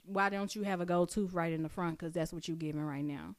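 A woman's voice: fairly low pitch, brisk, dry recording. A woman co-hosting a casual chat podcast, blunt and slangy, laughing often. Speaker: podcast co-host.

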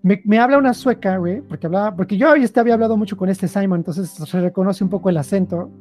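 A man's voice: high-pitched, fast talker, soft background music. A man with a Mexican accent, a podcast guest telling a story in slangy casual chat and acting out the quotes. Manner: slangy, animated, acts out quotes.

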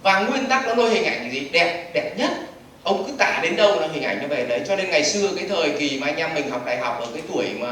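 A man gives a lively seminar lecture, putting questions to the audience and answering them himself. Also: a little high, fast talker, far from the mic, a little hiss or hum. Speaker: business trainer. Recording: echoey hall recorded from afar.

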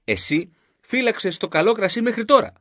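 A male banquet master remarks in a raised, animated voice, read by a man in a close, dry scripted Bible reading. His pitch lifts above the surrounding reading. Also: dry recording. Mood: amazed. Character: wedding steward, surprised male banquet master.

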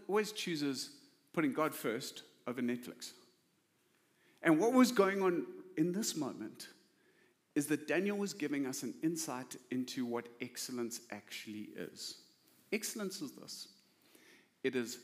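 A man preaching a sermon as a pastor, in an emphatic, conversational way full of rhetorical questions. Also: mid-range voice. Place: church hall. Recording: preaching in a large reverberant hall.

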